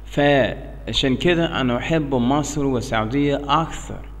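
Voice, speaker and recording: A middle-aged American man speaking earnestly and emphatically in halting, broken Arabic with an English accent, as in an informal religious talk. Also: mid-range voice. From United States. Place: small bare indoor room. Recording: echoey reverberant room.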